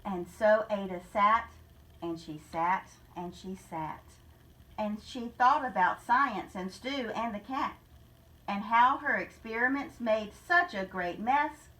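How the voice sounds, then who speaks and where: In a measured, expressive storyteller's style, a woman reads aloud from a rhyming kids' picture book, much as a teacher would. Her pitch is medium, the mic is distant, and the audio quality is poor.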